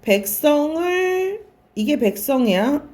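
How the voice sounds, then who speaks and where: A woman's voice: high voice, very animated, slow pace, a little mellow, slight background noise. A woman teaching a classroom lecture, asking questions and answering them herself, and repeating and stretching key words. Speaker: Korean language teacher.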